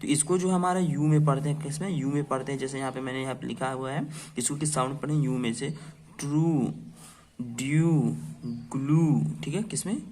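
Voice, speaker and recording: A man's voice: medium pitch, quick pace, few pauses, a little mellow, slight background noise. A man teaching an English phonics lesson to children, asking and answering his own questions and spelling words letter by letter.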